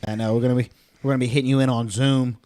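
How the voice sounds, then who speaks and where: A man's voice: mid-range voice, fairly even intonation, rapid-fire, mellow. A man, co-hosting a podcast in casual, crude, laughing banter. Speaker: podcast co-host. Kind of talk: casual chat.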